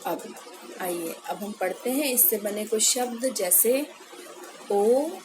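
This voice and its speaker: A woman's voice: mid-range voice, background noise. A woman teacher leading a phonics lesson for young children, patiently repeating each word and checking in with the class. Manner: slow, patient, drawn-out repetition of words for children; frequent "है ना" check-ins with pupils. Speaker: primary school Hindi teacher.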